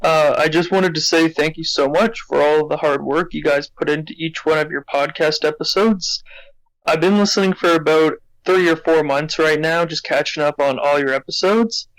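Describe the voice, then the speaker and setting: A man's voice: a little high, steady tone, moderate pace, a bit bright, dry recording, rough recording. A young Canadian man leaving a friendly, rambling voicemail for a podcast as a listener. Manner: friendly and enthusiastic, rambling with fillers. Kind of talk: recorded voicemail message.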